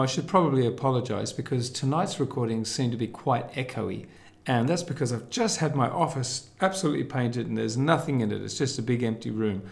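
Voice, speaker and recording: A man's voice: mid-range voice, gravelly. A man hosting a music show, recorded with an echoey sound in a big empty office, presenting in an easygoing, apologetic way. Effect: echoey sound from a big empty room. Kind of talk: radio-style presenting between songs. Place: empty freshly painted office.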